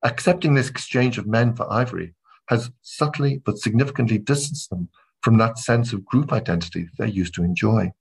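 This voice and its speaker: A man giving an academic literature lecture, measured in delivery, weaving read passages into his commentary. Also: mid-range voice, vocal fry, husky, poor audio. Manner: measured, reads quoted passages aloud between comments.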